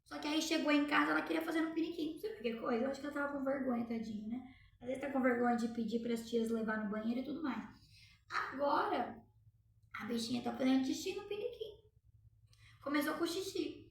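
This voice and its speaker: A woman's voice: high voice, quick pace, creaky, recorded from a distance, a little hiss or hum. A mother, chatting at home to her viewers and telling a story, often asking them to react. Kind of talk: casual chat to viewers. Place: room at home. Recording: very echoey room, from off-mic.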